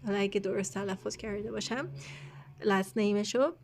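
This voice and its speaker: A woman teacher with a Persian accent walking through an English textbook lesson, pausing often with fillers and reading the English text slowly and carefully. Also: mid-range voice, steady tone, darkish tone, a little hiss or hum.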